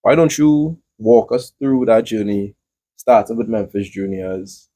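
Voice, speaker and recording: Joking young host with a husky voice. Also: male voice, fairly low pitch, measured pace, warm tone. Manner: joking, playful interviewer. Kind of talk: casual interview chat.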